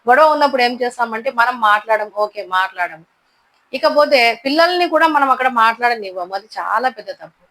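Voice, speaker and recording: A woman's voice: a little high, a bit bright, poor audio. A woman teaching a parenting class, giving earnest advice and repeating her key points, with English words mixed in.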